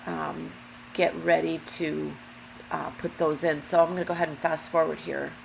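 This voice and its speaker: A woman with a gravelly, low-pitched voice gives a casual step-by-step craft tutorial, explaining carefully and unhurriedly with apologetic asides. Allergies affect her voice, and she clears her throat. The audio is poor, with a steady background hum and a lawnmower running.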